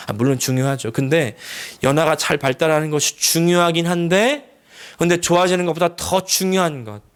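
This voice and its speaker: A male pastor preaching a sermon with passion, pushing his voice up on emotional lines and dropping low for quiet personal stories. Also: clean tone.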